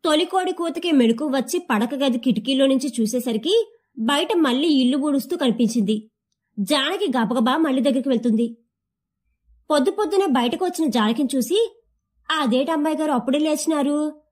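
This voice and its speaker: A woman reading a story aloud in a steady, expressive audiobook narration. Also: high voice, moderate pace.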